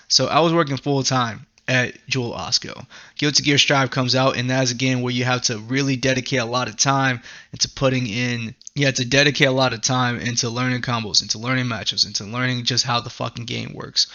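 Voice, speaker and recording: Man, profane rambling anime commentary host, bright forceful tone, dull lo-fi sound. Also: medium pitch, fairly even intonation, a little fast. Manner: profane, rambling, laughs often. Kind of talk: casual anime commentary rant.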